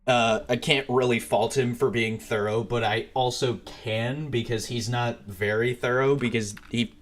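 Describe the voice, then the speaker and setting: A man's voice: mid-range voice, steady tone, unhurried. A young man rambling and swearing as he comments on his own gameplay, muttering to himself between remarks, with keyboard typing behind him. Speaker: gaming streamer.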